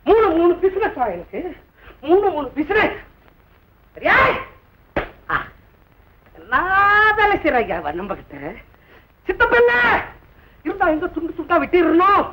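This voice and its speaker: High, swooping, bullying husband who mocks and shouts, heard on a hissy old film track. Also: male voice, sing-song, exaggerated voice. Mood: mocking. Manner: mocking, shouting, quick switches of tone. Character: blustering jealous husband, mocking and quarrelsome. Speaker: hot-tempered husband in a film comedy. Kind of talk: 1960s Tamil film acting.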